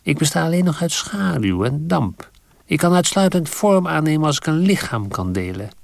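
A man's voice: a little high, big pitch swings, normal speed, creaky, no echo, voice pushed up. A man voicing an evil, pale, snake-faced spirit who whispers and hisses with cold menace in a storybook reading. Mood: menacing.

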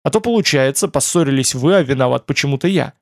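A man's voice: mid-range voice, expressive, fast, no room sound, studio quality, natural voice. A man reading as a wry young man. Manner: joking, mildly sarcastic.

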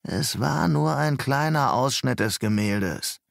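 Self-important male private eye, boastful and defensive, read by a man in a gravelly voice. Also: medium pitch, normal speed, no room sound, clean studio sound, close to an everyday voice.

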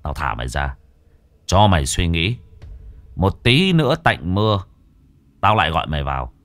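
Stern low-voiced exorcist, as a man voices him. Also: sing-song, a bit bright, no room sound. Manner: stern, threatening, unhurried. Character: stern young male exorcist, calm and commanding.

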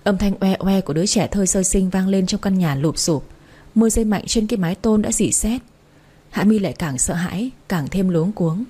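A woman narrating an audiobook story in a steady, emotive storytelling manner. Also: medium pitch, moderate pace, breathy edge.

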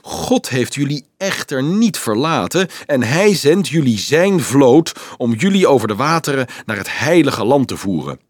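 A man voicing an unctuous, scheming older cleric who speaks smoothly and loudly enough to carry. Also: medium pitch, sing-song, a little slow, few pauses, dry recording, clean studio sound.

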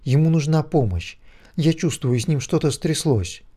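Worried firm wife, male narrator raising his voice for her, urgent, higher. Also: animated, moderate pace, dark tone, husky. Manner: urgent, insistent. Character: anxious wife and mother, firm and tearful.

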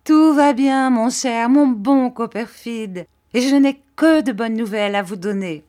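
A woman voicing an excitable, warm-hearted young male lawyer who gushes in breathless, drawn-out exclamations. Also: medium pitch. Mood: overjoyed.

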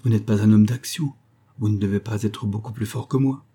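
A worn-out, resigned man speaks in a low, dark, husky voice, with every word flat and defeated, as the audiobook's male narrator reads him. He sounds drained and beyond caring. The reading stays close and plain. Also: a little fast. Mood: bitter. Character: weary self-loathing middle-aged man, resigned.

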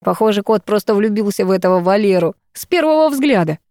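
A woman voicing a calm, kind young male neighbor in an audiobook. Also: medium pitch, fairly quick, no echo, studio quality, lightly acted. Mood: gentle.

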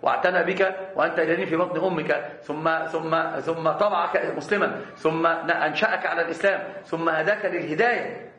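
A man teaching an Islamic creed lesson, talking rapidly and often restarting words with stammered repeats. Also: fairly high pitch, fairly even intonation, a bit bright, echoey room. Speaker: religious teacher.

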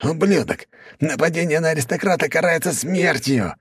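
A man's voice: on the high side, measured pace, creaky, a little mellow, husky, no room sound, studio quality, pitched above the performer's own voice, heavily acted. A man voicing a frightened nobleman who stammers and panics.

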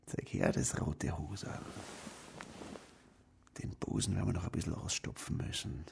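A man's voice: low-pitched, moderate pace, vocal fry, slight background noise. An actor playing a coarse, domineering male procurer, in a radio drama. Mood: wheedling. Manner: wheedling then barking, domineering.

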